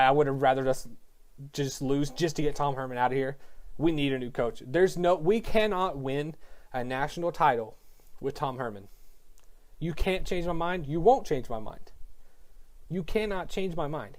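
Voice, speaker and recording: A young man vents in an exasperated rant about his team's coaching, voice sitting a little high for a man. He stumbles, restarts and repeats himself as the frustration builds. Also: a little mellow. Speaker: sports fan vlogger. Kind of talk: ranting sports commentary.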